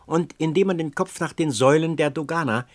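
A man reading an audiobook as narrator with expressive, dramatic storytelling. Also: on the high side, a little fast, no echo.

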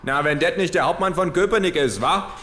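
A man's voice: on the high side, fairly quick, a bit bright, echoey room, a little hiss or hum, pitched above the performer's own voice, lightly acted. A man voicing blunt, curt police officers with a Berlin accent in a live comedic reading. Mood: gruff blunt.

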